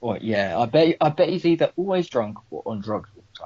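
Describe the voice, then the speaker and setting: Brief: young Irish man, podcast co-host, lively up-and-down delivery, slightly husky, dull lo-fi recording. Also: medium pitch, a little fast, no room sound. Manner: animated, swearing banter. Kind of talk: casual chat. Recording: dull lo-fi dry sound.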